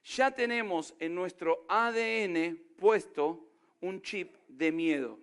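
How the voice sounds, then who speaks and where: Argentine pastor guy preaching, pretty high voice for a man, keeps asking the crowd stuff. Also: slow pace, fairly bright tone, smooth. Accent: Argentine Spanish. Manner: emphatic, peppers talk with rhetorical questions to the crowd. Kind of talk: sermon to a congregation.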